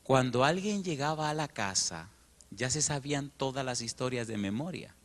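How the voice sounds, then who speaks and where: A middle-aged male pastor, telling a story in a sermon and acting out the dialogue with lively changes of voice. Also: mid-range voice, normal speed.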